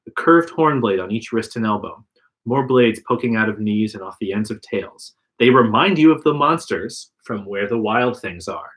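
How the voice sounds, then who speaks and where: This man's voice is on the low side and fairly bright, animated, and moderately paced. He reads an interactive gamebook aloud on a livestream podcast mic, keeping narration plain and voicing the dialogue.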